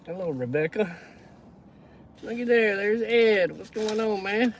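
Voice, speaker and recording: A man's voice: high voice, a little slow, slight background noise. A Texan man hosting a casual livestream, chatting in a folksy way and greeting viewers by name. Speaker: livestream host. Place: pickup truck.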